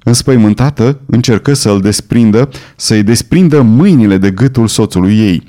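Low, mellow male narrator. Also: expressive. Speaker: audiobook narrator. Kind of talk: scripted narration.

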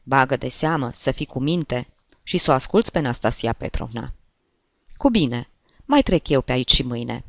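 A man's voice: mid-range voice, lively intonation, creaky, no room sound, dull audio. Man voicing a courteous middle-aged uncle. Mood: businesslike. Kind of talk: audiobook reading.

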